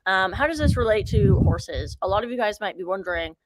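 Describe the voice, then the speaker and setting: A woman's voice: medium pitch, brisk, heavy background noise. A woman in her thirties, a riding coach teaching on a live stream from an outdoor ranch. She talks energetically into a close phone camera and keeps checking in with viewers. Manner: energetic, repeats "okay?" and urges viewers to comment. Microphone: phone camera held close.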